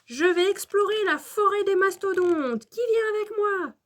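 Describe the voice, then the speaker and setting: A woman voicing an excitable, mischievous little boy dinosaur in a children's storybook reading, with shrill, excited exclamations. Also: slow.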